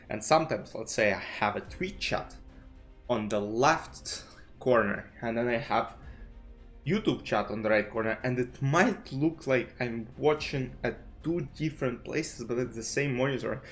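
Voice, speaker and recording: A male chess streamer with Russian as his first language talks in a mid-range voice, meandering with frequent "you know"s and restarts. The casual commentary vlog comes from his home streaming desk, captured on a desk streaming mic with a webcam.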